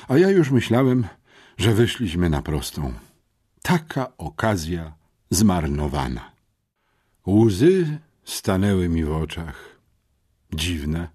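A man narrating a first-person audiobook story in an expressive way. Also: deep voice, breathy edge. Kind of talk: scripted narration.

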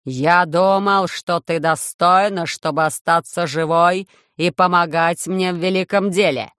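Storybook robot overlord, loud, harsh and metallic, very slow, clear dry delivery, as a reader puts it on. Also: medium pitch, fairly even intonation, dry recording, lightly acted. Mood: cold commanding. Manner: slow, loud, measured commands. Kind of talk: audiobook reading.

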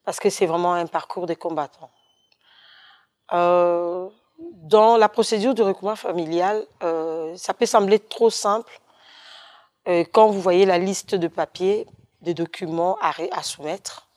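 Middle-aged woman from Congo, low-pitched, hesitant testimony voice with frequent pauses. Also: darkish tone. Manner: hesitant, many fillers and restarts. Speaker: testimony speaker. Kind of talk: recorded personal testimony.

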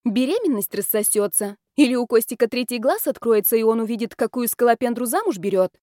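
A woman voicing a blunt, bossy young female friend who scolds and teases in a loud, pushy way. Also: on the high side, animated, brisk, no echo, studio quality, natural voice. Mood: scolding.

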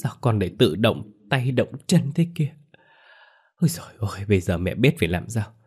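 A man's voice: fairly low pitch, lively intonation, moderate pace, dark tone, husky. A man voicing a middle-aged mother who weeps and pleads, blindly protective of her son. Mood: weeping. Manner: pleading, weeping. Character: middle-aged mother, doting, tearful, callous.

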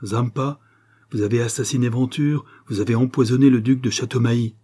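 A man's voice: mid-range voice, steady tone, brisk, warm tone, slightly rough, natural voice. A man voicing a severe, commanding countess. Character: severe aristocratic countess, woman.

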